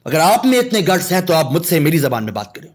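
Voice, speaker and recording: A man from Pakistan, a guest telling anecdotes in a podcast conversation, laughing as he goes. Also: on the high side. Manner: animated anecdotal storytelling with laughter. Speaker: guest, artist and storyteller.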